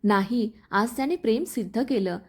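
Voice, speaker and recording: A woman voicing a calm, quietly sad young man in a storybook tale. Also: on the high side, moderate pace, husky. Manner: quiet, gentle.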